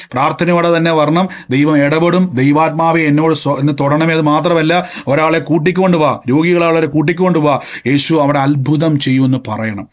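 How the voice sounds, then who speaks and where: Brief: male preacher, higher voice, fervent healing prayers over a dull online call line. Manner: commanding, fervent, repeats phrases, rises to loud proclamations. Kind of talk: Pentecostal healing prayer and sermon. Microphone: video call.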